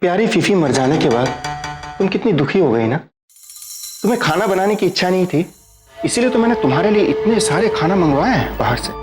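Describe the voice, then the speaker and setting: A middle-aged husband in a television crime drama, sly and controlling. He coaxes and taunts with very animated pitch. Music runs behind his voice. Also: fairly quick. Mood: mock-sweet. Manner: coaxing, taunting. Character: menacing, mock-sweet husband and father, controlling and sly. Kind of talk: Hindi TV crime drama acting.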